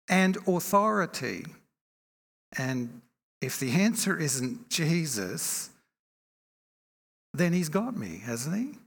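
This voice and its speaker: A man preaching a sermon in a church, measured and reflective, often asking rhetorical questions. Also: fairly high pitch, vocal fry, fairly bright tone. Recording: long reverb from a large hall.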